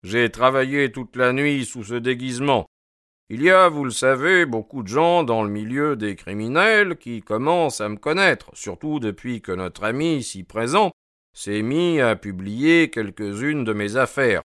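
A composed, quietly amused detective who speaks with calm authority and a touch of wit, as a male reader puts him on. The tone is bright and crisp, slow and deliberate, in a dry storybook reading. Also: medium pitch, no echo. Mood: assured. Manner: wry, assured.

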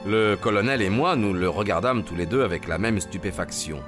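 A man narrating a detective story in a calm, measured, dramatic audiobook style. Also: on the low side. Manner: calm and measured, rising to excited shouts in the race scenes. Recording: music bed under the voice.

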